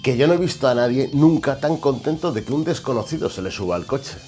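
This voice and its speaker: A man with an accent from Spain delivers a host's comic monologue, his pitch leaping all over the place as he throws in mock shouts. Faint music sits underneath. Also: quick pace. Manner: animated, exaggerated with mock shouting asides. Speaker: host.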